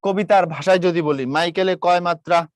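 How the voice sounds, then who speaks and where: A man's voice: sits high, steady tone, moderate pace, no room sound, studio quality. A young man teaching an online class, repeating key points and asking students questions. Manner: explains patiently with questions to students, mixes English words. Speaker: online tutor.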